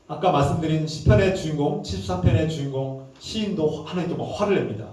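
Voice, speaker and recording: A man's voice: a little high, fast, mellow. Preaching man in a very echoey hall. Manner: emphatic preaching, acts out angry prayers in a raised voice. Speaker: pastor. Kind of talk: sermon. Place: church sanctuary. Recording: echoey church hall, mic at a distance.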